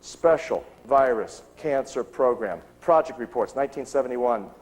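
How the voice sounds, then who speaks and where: A middle-aged man speaking to a live audience, telling a story with lively acted-out dialogue. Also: medium pitch, normal speed. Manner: animated storytelling, acting out dialogue.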